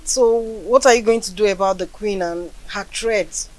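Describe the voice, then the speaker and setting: A nervous young woman in a film drama, voiced by an actress, pressing her questions with worry. Her voice sits at an ordinary middle pitch. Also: normal speed, darkish tone, close to an everyday voice, poor audio. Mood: worried. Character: anxious young woman, secret lover of the schemer.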